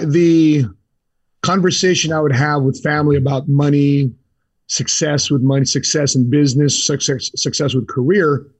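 An American man appears as a guest in a casual podcast interview, telling his story steadily in short, punchy phrases. His voice is on the high side, a little mellow and husky, and the recording is dry.

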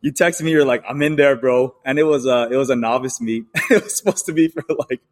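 An easygoing man chats as a guest on a friend's podcast. His voice sits at a middle pitch, and he tells stories in a relaxed way. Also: fast talker. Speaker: podcast guest, gym owner. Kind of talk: casual podcast chat.

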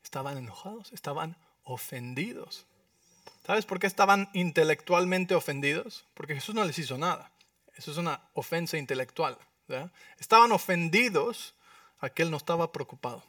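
A man preaching a sermon as pastor, lively, often asking the congregation questions. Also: on the high side, normal speed, no room sound. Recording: dry sound, mic at a distance.

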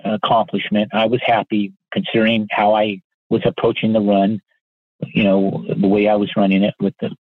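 Podcast guest, 60s male, husky and earnest, telling stories over a thin, dry phone-like line. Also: lowish voice, no room sound. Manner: earnest, polite, repeats words as he restarts sentences. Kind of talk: casual anecdotal storytelling.

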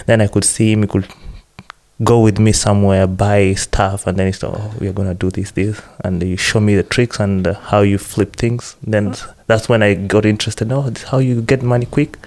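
A man's voice: fairly low pitch, flat delivery, normal speed, darkish tone. A man in his twenties with a Kenyan accent, chatting casually as a podcast guest and telling stories informally. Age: 20s. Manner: informal storytelling with repeated "like". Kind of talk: casual chat.

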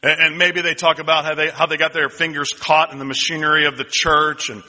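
A male senior pastor delivers his sermon in a bright, ringing tone that sits a little high. His preaching is conversational and humorous, full of asides to the congregation. A long hall reverb trails behind every phrase. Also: flat delivery, a little fast. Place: church sanctuary.

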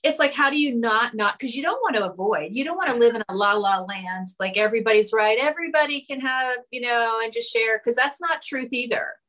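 Brief: New woman, podcast guest, chatty and agreeable, fairly high voice. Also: lively intonation, fairly bright tone. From New Jersey. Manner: chatty, quick to agree, self-correcting. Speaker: podcast guest, hair educator. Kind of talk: casual podcast chat.

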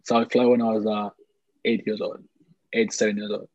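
A man's voice: on the low side, little pitch movement, a little fast, a little mellow, no echo, muffled recording. A man in his twenties from Congo with a Congolese accent, answering interview questions casually and often repeating himself as he goes. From Congo (DRC), later Malawi. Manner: conversational, repetitive, peppered with "like" and "you know". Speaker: soccer player being interviewed.

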